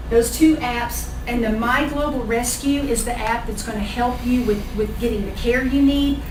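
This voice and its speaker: An American woman giving a motivational sales training talk as a business trainer, emphatic and often checking in with her listeners. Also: fairly high pitch. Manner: emphatic, checks in with "okay?" and "all right?". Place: large indoor training room with audience. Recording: echoey room, distant mic, noisy background.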